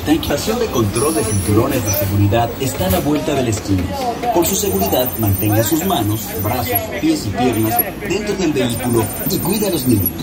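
Ride loudspeaker safety announcement. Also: mid-range voice, big pitch swings, fast. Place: theme park ride vehicle. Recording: distant ride speaker over loud music.

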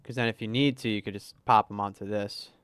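A man's voice: fairly low pitch, steady tone, a little fast, fairly bright tone, smooth, no echo. A man livestreaming a cooking game, chatting casually as he plays, narrating his moves and reading chat aloud. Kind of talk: casual gameplay livestream commentary.

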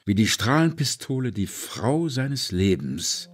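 A man's voice: medium pitch, big pitch swings, measured pace, faint music behind. A man narrating an audiobook in a dramatic storytelling manner with varied emphasis. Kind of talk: scripted narration.

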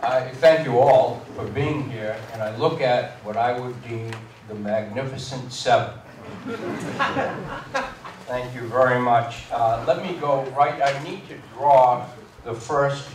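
Slow deliberate guy moderating a forum, echoey hall, far from the mic. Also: medium pitch. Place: school hall, heard from afar. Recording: echoey hall, distant mic, faint noise.

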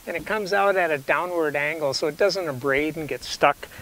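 A man's voice: a little high, moderate pace, noisy background. Folksy older man explaining outdoors. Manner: rambling, self-correcting, folksy. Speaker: canoe builder showing his rig. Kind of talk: casual how-to demonstration. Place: outdoors on a lawn. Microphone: camera mic, sometimes far from camera.

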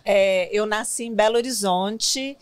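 A woman's voice: medium pitch, a little slow, clean tone. A woman in her fifties from Minas Gerais, Brazil, a city hall staffer telling her story as an interview guest, cheerfully. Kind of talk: interview answers. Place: podcast studio. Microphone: boom-arm studio mic.

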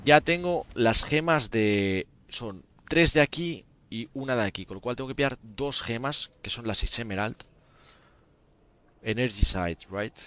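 This game streamer, a young man from Spain with a Spanish accent, chats away casually with viewers during a live stream, though he sounds tired. He keeps calling them "tío" and "gente". The voice is lowish and a bit bright.

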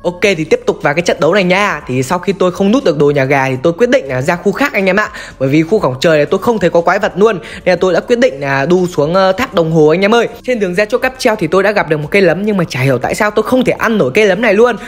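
Quick talking guy telling a spooky game story, high voice, chatty with viewers. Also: lively intonation. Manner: chatty, addresses viewers as brothers. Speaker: gaming YouTuber. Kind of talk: narrating a game horror story.

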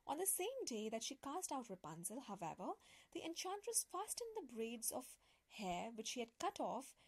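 A woman reads a fairy tale aloud as a bedtime story, soft and gentle, often dropping close to a whisper. Her voice sits a little high. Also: slightly rough. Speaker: storyteller host.

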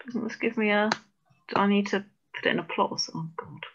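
A woman's voice: medium pitch, brisk, muffled recording, slight background noise. A woman presenting a chapter to a book club over a video call, thinking aloud and making self-deprecating asides as she works through code. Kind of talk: casual live-coding walkthrough.

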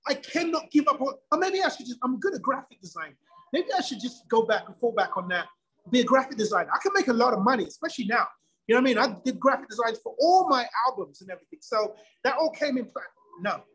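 A middle-aged man telling his own story in a casual interview, lively and acting out quoted dialogue. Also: very high voice, fast, breathy edge, poor audio. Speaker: guest.

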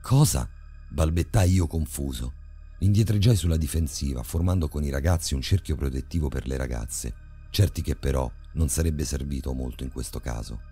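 A man narrating a horror story in a measured, grave way. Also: rumbling low, warm tone, husky, faint music behind.

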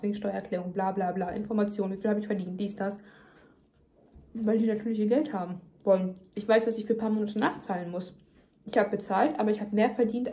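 A woman's voice: mid-range voice, warm tone. A young woman venting emphatically in casual chat to her viewers, talking while chewing. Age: young adult. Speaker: vlogger. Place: home kitchen, indoors.

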